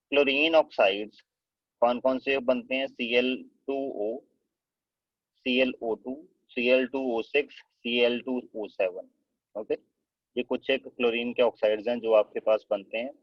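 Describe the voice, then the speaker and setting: A man's voice: mid-range voice, dry recording, lo-fi sound. Man teaching chemistry, checking in with "okay". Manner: explanatory, checks understanding with frequent "okay". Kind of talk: classroom lecture mixing Hindi and English.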